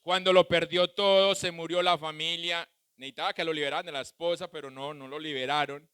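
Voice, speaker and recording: High-pitched bright-voiced man preaching. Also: a little fast, clear, resonant tone, no echo. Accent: Colombian Spanish. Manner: animated preaching with sudden shouts and soft asides. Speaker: pastor. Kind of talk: sermon.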